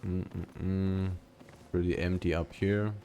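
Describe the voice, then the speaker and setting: A man's voice: sits low, takes it slowly, a little mellow, slight background noise. A man giving casual running commentary while he plays a video game, thinking aloud and humming between remarks. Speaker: gaming video creator.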